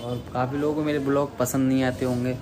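एक युवक अपने रोज़ाना के व्लॉग में बात करता है। वह बातूनी है और दर्शकों को बार-बार भाई कहकर पुकारता है।. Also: male voice, medium pitch, level tone, fast talker, a crowd in the background. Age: young adult. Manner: chatty, keeps calling viewers brother. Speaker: vlogger. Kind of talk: casual daily vlog. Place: rooftop outdoors and small home room. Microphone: handheld phone camera at arm's length.

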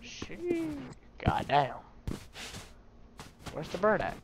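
A man playing a game with casual, playful, excitable commentary. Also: sits high, very slow, background noise. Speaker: gamer playing and voicing game dialogue. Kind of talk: casual let's play chat.

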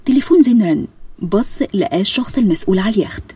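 An Egyptian woman narrating a story at a rapid clip. Her voice is mellow and very husky, recorded close and dry. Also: medium pitch, lively intonation, dry recording.

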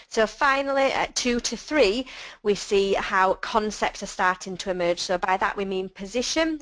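A woman presents a webinar on child speech and language, explaining patiently and clearly with simple examples. Her voice is mid-range and fairly bright, with no room sound but poor audio.

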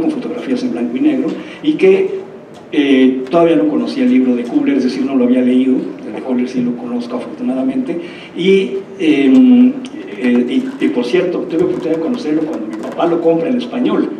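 A man's voice: mid-range voice, warm tone, slight background noise. Mexican man lecturing in a roomy hall. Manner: digressive storyteller, checks in with listeners. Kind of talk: anecdotal lecture. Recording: roomy hall, mic far off.

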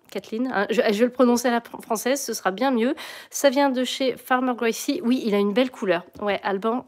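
A middle-aged woman hosting a casual plant live stream, chatty and bubbly, laughing often and greeting viewers as she goes. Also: a little high.

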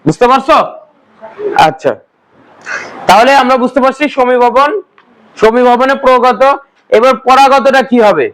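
Very high-voiced man teaching grammar. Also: unhurried, pauses often, a bit bright, clean tone, poor audio. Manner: quizzes students and repeats the answers himself; patient step-by-step explaining. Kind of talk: classroom lecture.

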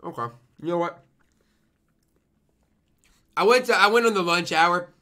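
Eating in a small room at home, a young adult man gives a casual food review to the camera, murmuring appreciative mms between bites. His high, bright voice is forceful and measured in pace, and he stresses points by repeating himself.

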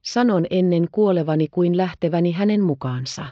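A woman's voice: fairly low pitch, no echo, lightly acted. A woman reading the part of a young frontier woman, speaking in defiant, urgent exclamations. The audio is slightly dull. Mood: breathless, frightened.

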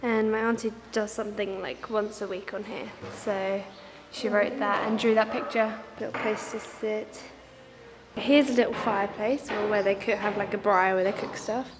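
A woman's voice: mid-range voice, fairly even intonation, moderate pace, noisy background. Chatty woman vlogger in a reverberant house. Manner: chatty, gushing, says "so cool" often. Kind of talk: casual vlog house tour. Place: indoors at a house.

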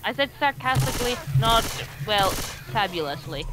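Mid pitch voice, dry sarcastic jokes while gaming. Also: animated, moderate pace, low-quality recording. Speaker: co-player. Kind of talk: casual gaming chat.

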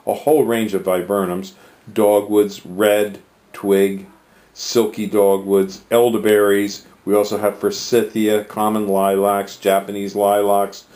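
A man's voice: fairly low pitch, darkish tone. A man narrating a promotion for his tree nursery, reading through a long list of plants.

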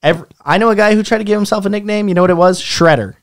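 A man's voice: high voice, racing. A man guesting on a podcast, telling stories in casual banter and laughing often. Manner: laughs often, tells stories with quoted voices. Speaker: guest comedian and barber.

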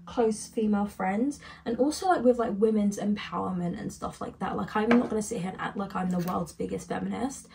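Gravelly-voiced young woman vlogger. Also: mid-range voice, fairly quick, few pauses, background noise. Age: young adult. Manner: rambling, heavy use of "like". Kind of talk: casual storytime chat.

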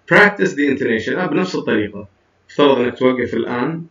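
A man's voice: mid-range voice, lively intonation, quick pace, a bit bright, recorded from a distance. A man teaching an English lesson, explaining in a mix of Arabic and English and counting his students in. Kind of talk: recorded classroom lesson. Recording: dull, roomy sound from off-mic.

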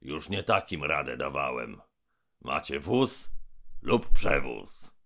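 A man voicing a huge, pompous, educated robber monster in an audiobook, slow and menacing. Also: very deep voice, big pitch swings, pushed and bright, exaggerated voice. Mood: threatening. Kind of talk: audiobook character voice.

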